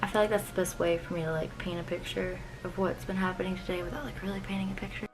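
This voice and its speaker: A woman's voice: on the low side, steady tone, quick pace, rough recording. A woman talking informally to camera in a makeup tutorial, with casual first impressions and frequent filler 'like'. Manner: informal and chatty, frequent 'like', gushing asides. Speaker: makeup vlogger. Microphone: recording herself on camera with a ring light. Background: music.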